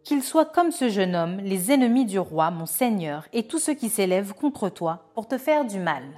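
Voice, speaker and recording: A woman's voice: mid-range voice, big pitch swings, normal speed, warm tone, faint music behind. A woman voicing a solemn male servant who delivers news in a formal way.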